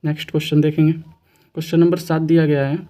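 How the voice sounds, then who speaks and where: Mellow-voiced male exam coach, flat delivery. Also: a little high, quick pace. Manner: patient, repeats questions and answers, asks rhetorical questions. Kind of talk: explaining quiz answers to students.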